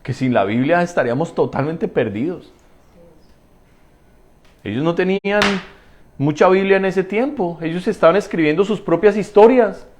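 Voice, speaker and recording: A man's voice: high-pitched, expressive, moderate pace, long pauses, darkish tone, a little hiss or hum. A man preaching a sermon as pastor, asking rhetorical questions and answering them himself, repeating phrases for emphasis and speaking straight to the congregation. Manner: addresses the congregation directly.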